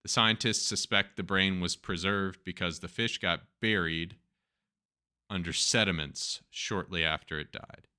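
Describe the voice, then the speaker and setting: A man's voice: deep voice, measured pace, pushed and bright, clear, resonant tone. A man with a Turkish accent who hosts a show, reading news stories aloud and adding chatty, joking asides. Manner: reads text then adds chatty, joking asides. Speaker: host.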